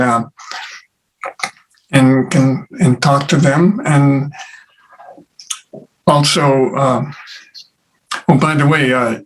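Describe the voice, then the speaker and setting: A man who is an interview guest, telling stories in an unhurried way with many pauses and fillers. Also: medium pitch, poor audio. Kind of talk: casual conversation.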